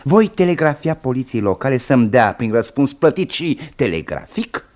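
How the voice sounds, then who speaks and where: A man's voice: mid-range voice, big pitch swings, a little mellow, lightly acted. A pompous, officious amateur sleuth, played by a man in a 1970s radio comedy. His voice swoops up and down with self-importance as he lays out his grand plans.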